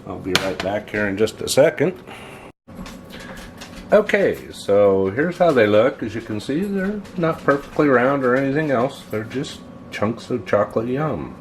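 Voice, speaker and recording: A man hosts a casual home cooking channel, walking through a family recipe in an easygoing, plainspoken way. His mid-range voice is expressive and unhurried, with slight background noise in the recording.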